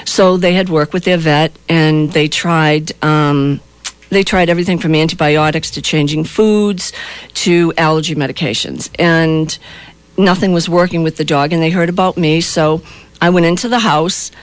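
A woman telling a story earnestly as a guest on a radio interview. She talks emphatically and quickly, pressing on each point. Her voice sounds dry and close, with no room sound around it. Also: low-pitched, clean tone, no room sound. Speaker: animal communicator guest.

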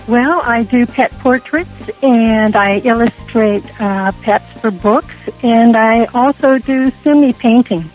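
A woman's voice: a little high, slow pace, few pauses, darkish tone, highs cut off, faint music behind. A woman from Canada telling stories casually as a radio interview guest. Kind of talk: casual conversational storytelling.

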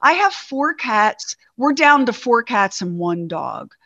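Woman guest, casual chat, lively storyteller, dry close sound. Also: a little high, slow, no echo, highs cut off. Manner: storytelling, animated and expressive.

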